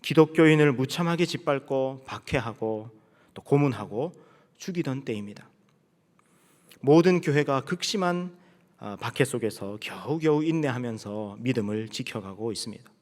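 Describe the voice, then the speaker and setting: Korean pastor preaching in a reverberant hall. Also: male voice, mid-range voice, expressive, darkish tone. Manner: rhetorical questions, emphatic preaching with swells and drops; slow solemn scripture reading. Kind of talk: sermon. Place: church sanctuary.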